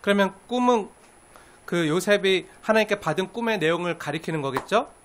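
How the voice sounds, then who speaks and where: High-voiced Korean man preaching. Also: fairly quick. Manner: animated, acts out quoted lines with laughter. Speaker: pastor. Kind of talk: sermon.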